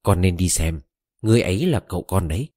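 A man voicing a gentle old grandmother who speaks as a spirit, urging softly. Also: low-pitched, animated, fast, no echo, studio quality.

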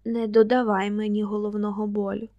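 A woman's voice: medium pitch, flat delivery, fairly quick, warm tone, highs cut off, lightly acted. A woman reading a weary troubled young man.

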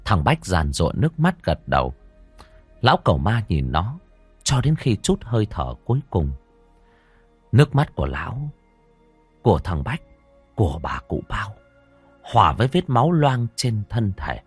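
Expressive low-voiced male story narrator. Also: normal speed, pauses often, slightly rough, dry recording. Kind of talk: horror story audiobook narration. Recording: dry close mic with faint music.

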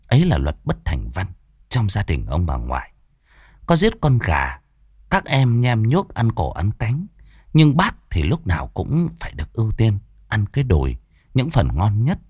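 A man, narrating a ghost story in a dramatic, expressive way. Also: fairly low pitch, moderate pace, breathy edge, no echo, studio quality.

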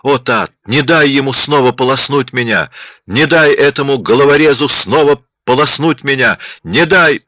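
A man's voice: mid-range voice, moderate pace, sharp tone, no room sound, pitched above the performer's own voice, natural voice. A man voicing a terrified wounded woman, pleading in a raised, panicked voice, on dull lo-fi audio.

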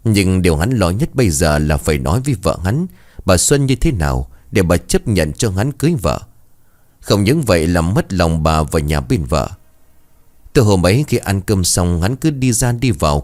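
A man narrating a dramatic story in an expressive, measured way. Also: deep voice.

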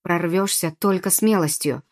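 A hushed wind spirit murmurs steady, gentle encouragement in a whispered role-play, voiced by a woman reader. The voice stays soft and even, lower than a usual speaking voice. It sounds unhurried and reassuring. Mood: calm. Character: silent wind spirit, calm whispering guide.

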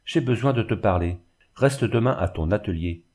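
A man's voice: on the low side, animated, normal speed, darkish tone. A man reading an audiobook, voicing a distraught young woman of twenty in a pleading tone. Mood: urgent.

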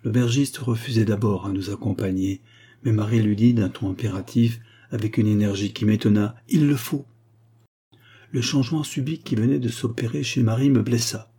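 A man reads a classic novella aloud in a measured, dramatic way. His voice is low and husky, with a dark, mellow tone. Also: fairly even intonation. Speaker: audiobook reader. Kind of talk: scripted narration of a classic novella.

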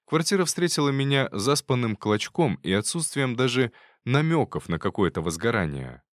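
A man narrating a first-person audiobook in a calm, wry manner. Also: mid-range voice, normal speed, dry recording, clean studio sound.

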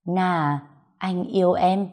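A woman's voice: lowish voice, steady tone, slow, darkish tone. A woman voicing a lovesick older man who pleads tenderly over the phone in an audio story.

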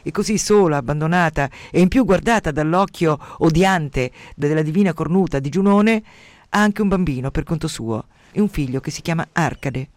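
A man tells an ancient myth on the radio in a dramatic way, stopping now and then for wry asides. His voice sits fairly high, and the studio sound is close and dry. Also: normal speed, no room sound. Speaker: radio storyteller. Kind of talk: retelling a myth with commentary. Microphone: studio mic.

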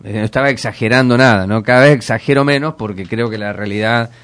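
A man's voice: on the low side, fast talker, a bit bright, faint music behind. A man with a Rioplatense Argentine accent hosting radio commentary, emphatic, asking rhetorical questions and repeating phrases. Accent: Rioplatense Argentine Spanish. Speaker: radio host.

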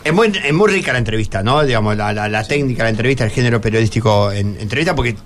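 In a radio studio, an Argentine man hosts a casual interview with students. His fairly low voice moves fast and stays conversational, and he often rephrases and checks in with his guests.

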